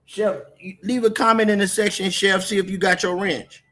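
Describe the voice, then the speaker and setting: An American man from Oakland, California, hosts a casual livestream, moderating chat in a slangy, repetitive, confrontational manner. His high voice is steady, pushed and bright, at a normal speed.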